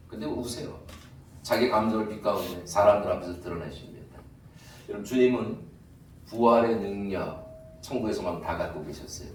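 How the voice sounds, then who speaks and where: Deep-voiced man preaching in an echoey church. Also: slight background noise. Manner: emotive preaching, many rhetorical questions. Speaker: pastor. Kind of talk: sermon. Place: church sanctuary. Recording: echoey church hall, distant mic, music.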